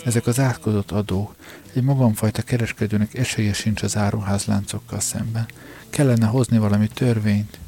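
A man's voice: on the low side, fairly even intonation, creaky, dark tone, faint music behind. A man playing a weary, stubborn older shopkeeper father who grumbles sarcastically in an audiobook. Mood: ranting. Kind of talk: audiobook character reading.

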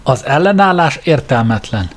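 Brief: male reader doing a thick-headed hulking alien guard, slow halting delivery, pitch jumping high on hesitations, faint music bed. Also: big pitch swings, lightly acted. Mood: bellowing.

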